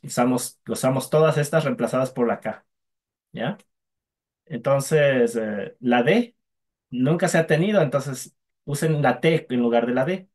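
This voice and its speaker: A man's voice: mid-range voice, darkish tone. Guy teaching a language class, patient, has students repeat sounds after him.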